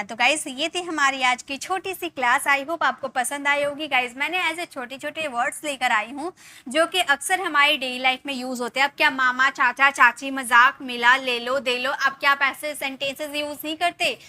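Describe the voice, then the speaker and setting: A woman teaching a slow spelling lesson, spelling words out letter by letter. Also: sits high, bright, forceful tone, no room sound. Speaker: English teacher.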